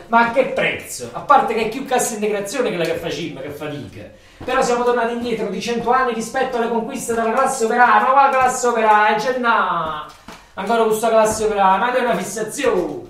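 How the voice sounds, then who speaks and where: Speaking in a fairly high, slightly bright voice, this male actor delivers a theatrical monologue with a Neapolitan accent. His storytelling is colloquial, emphatic and full of repetition. The mic sits far away in a spacious room, giving an echoey sound with a little background noise.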